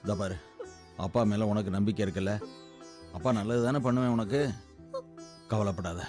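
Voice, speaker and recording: An actor playing a jovial bride's father in a TV serial, who laughs often and gently reassures his daughter. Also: lowish voice, normal speed, faint music behind, natural voice. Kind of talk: TV serial acting.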